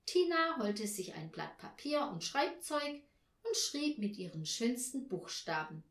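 Slow, lively woman reading a children's story. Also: a little high. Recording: roomy echo.

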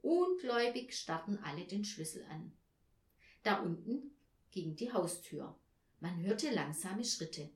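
A woman reading a children's Advent story aloud in a gentle, expressive way. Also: mid-range voice, unhurried. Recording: echoey room.

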